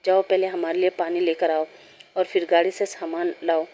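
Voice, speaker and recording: A woman's voice: lowish voice, level tone, moderate pace, mellow, lightly acted. A woman voicing a haughty, bossy rich mother in a spoken story, giving curt orders. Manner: commanding, curt.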